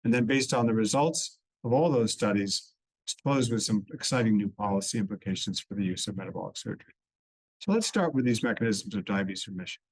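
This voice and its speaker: A man giving a dense, technical medical lecture at a conference, explaining step by step with relaxed asides. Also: lowish voice, fairly quick, breathy edge, dry recording, poor audio. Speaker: conference speaker. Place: conference hall.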